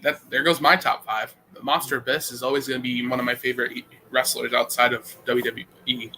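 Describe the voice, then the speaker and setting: A man co-hosting a casual wrestling podcast, excitable and quick to laugh. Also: mid-range voice, rough recording. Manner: excitable, laughs often, mimics wrestler calls. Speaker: podcast co-host. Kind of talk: casual chat.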